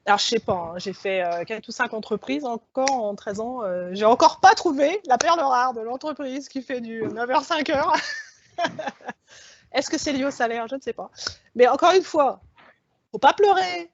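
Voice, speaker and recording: Lively frank woman, lo-fi sound. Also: sits high, normal speed. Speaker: alumna guest. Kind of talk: panel discussion. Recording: dull lo-fi audio.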